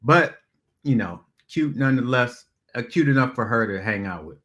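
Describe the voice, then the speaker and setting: A man's voice: mid-range voice, lively intonation, normal speed, a bit bright. A man vlogger telling a story casually, laughing often and using slang.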